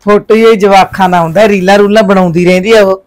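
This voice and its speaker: A woman's voice: medium pitch, fast talker, natural voice. A middle-aged woman, playing an easygoing mother who defends her daughter. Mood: indulgent. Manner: indulgent, calmly arguing back. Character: easygoing village mother, indulgent. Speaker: mother of a college girl. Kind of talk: village family drama acting.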